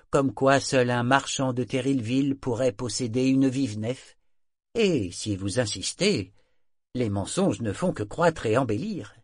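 A man's voice: medium pitch, no echo, clean studio sound, voice pushed up. A man doing an eager, scheming ship dealer.

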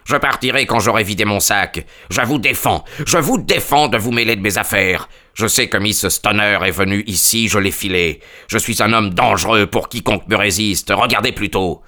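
A towering old country doctor with a forceful, hard-edged voice, barking threats and bullying everyone in the room, as a man puts him on. Low in pitch and quick to shout, he is pure menace in this storybook reading. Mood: furious.

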